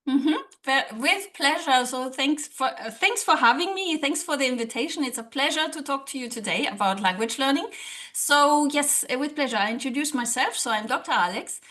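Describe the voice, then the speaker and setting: A German social psychologist and language coach, a native German speaker, is a guest in an interview conversation. Her high voice is earnest and animated at a normal speed, and she often acts out her own past thoughts.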